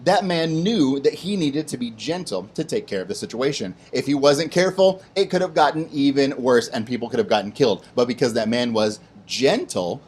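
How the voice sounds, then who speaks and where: Animated man telling kids a Bible story. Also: medium pitch, a little fast, few pauses, slightly rough. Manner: animated, plays voices in his stories, casual slang. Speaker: children's ministry host. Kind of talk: kids' Bible lesson storytelling.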